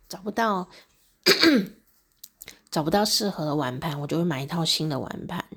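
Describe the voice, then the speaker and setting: A woman's voice: on the low side, very animated, slow, pushed and bright, breathy edge. Chatty laughing woman sharing stories. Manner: chatty, laughs often, acts out little quoted exchanges. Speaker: podcast host. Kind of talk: personal reflective monologue.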